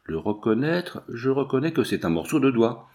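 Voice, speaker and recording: A man's voice: mid-range voice, very animated, normal speed, darkish tone. A man reading aloud, voicing a cold and evasive young man who feigns surprise in guarded replies.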